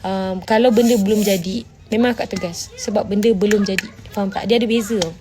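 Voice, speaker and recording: Background noise accompanies this brisk, medium-pitched woman whose intonation stays fairly even. She has a Malaysian Malay accent and hosts a laid-back livestream, responding bluntly to comments and scolding her audience in mixed Malay and English with frequent "faham tak?".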